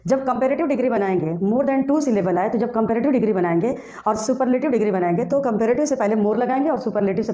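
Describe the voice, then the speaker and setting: A woman with a slightly high, dark-toned voice teaches an English grammar lesson in class. She asks herself questions and answers them, spelling words out letter by letter.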